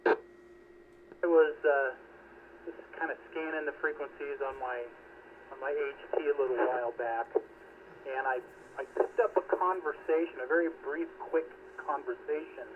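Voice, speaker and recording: A man's voice: on the high side, moderate pace. A man calling in to an amateur radio net, heard over a two-way radio transmission. He is hesitant and often restarts his phrases. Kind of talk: casual radio check-in. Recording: tinny narrowband radio with faint hiss.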